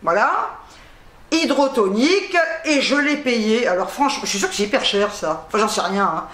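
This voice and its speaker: A woman hosting a casual haul vlog, rambling fast and reading product labels aloud, tripping over her words. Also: a little high, expressive, a bit bright. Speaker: YouTube host. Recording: echoey room.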